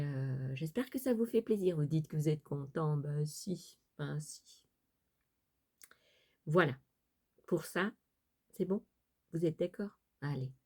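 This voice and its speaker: A middle-aged Frenchwoman who runs a sewing and crafts channel chats with her viewers in a low, mellow, soft voice that never turns sharp and stays unhurried. She rambles casually and hesitantly, circling back with frequent fillers, restarts and chatty asides.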